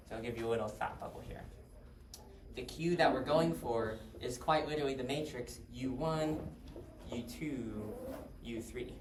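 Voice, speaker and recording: Guy teaching a math class, keeps quizzing students, far off mic in a big echoey room. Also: medium pitch. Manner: conversational, asks the class questions. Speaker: math lecturer. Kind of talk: classroom lecture. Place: lecture hall. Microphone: distant room mic. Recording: roomy, distant, faint hiss.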